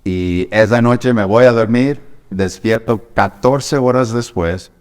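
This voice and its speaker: A middle-aged pastor from New York shares his testimony in a low, smooth voice. He tells it earnestly and with feeling, voicing the people in his story as he goes. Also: slow, big-room sound. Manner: earnest, emotional storytelling with quoted dialogue. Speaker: evangelical pastor. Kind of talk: personal testimony in conversation.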